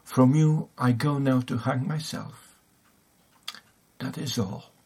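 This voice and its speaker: A preacher voicing a remorseful prison guard. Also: male voice, medium pitch, slow, a little mellow, slightly rough. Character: remorseful male prison guard, broken, repentant.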